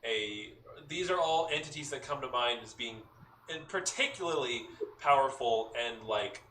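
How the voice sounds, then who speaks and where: A man running a tabletop game as game master, describing scenes in a halting, descriptive way. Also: medium pitch, expressive, pushed and bright. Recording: echoey room, mic at a distance, faint noise.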